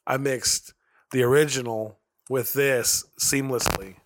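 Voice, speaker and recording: A man's voice: medium pitch, steady tone, slow pace, background noise. A man co-hosting a podcast, telling stories in a laid-back, slangy way with lots of swearing. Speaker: podcast co-host. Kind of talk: casual chat.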